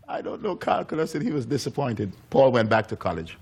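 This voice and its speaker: A man preaching a sermon in a church, telling a story with animated delivery and acting out the voices of its characters. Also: mid-range voice, moderate pace, creaky, a little hiss or hum. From United States. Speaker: pastor.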